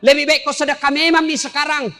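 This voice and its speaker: A man preaching a humorous sermon to a congregation, animated and jokey, often mimicking listeners. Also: very high-pitched, fast, big-room sound.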